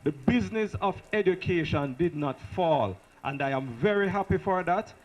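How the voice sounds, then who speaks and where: A man's voice: sits high, lively intonation, moderate pace, lo-fi sound. A man with a Jamaican accent giving an impassioned speech at a school awards ceremony, repeating himself for emphasis and talking off the cuff. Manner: repetitive, emphatic, speaks off the cuff. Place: school hall. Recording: echoey hall recording.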